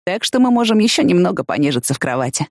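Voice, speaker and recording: A woman voicing a reserved young man in an audiobook, speaking softly and low-key. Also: sing-song, fast talker, dry recording, studio quality. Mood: gentle. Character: young man, reserved, gently teasing lover.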